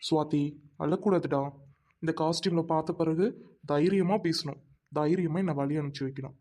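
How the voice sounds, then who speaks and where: A young husband who teases his wife and then comforts her as he prepares to leave for duty, played by a performer in a comic family skit. His voice sits at a middle pitch with an easy, everyday delivery. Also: steady tone, normal speed, dark tone, close to an everyday voice. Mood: reassuring. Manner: teasing, reassuring.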